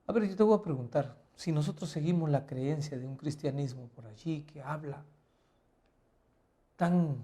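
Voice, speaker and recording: Man, pastor, Bible lesson sermon, rhetorical questions, fairly high voice, warm tone. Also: moderate pace. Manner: asks the listener rhetorical questions; emphatic, swinging between quiet and loud.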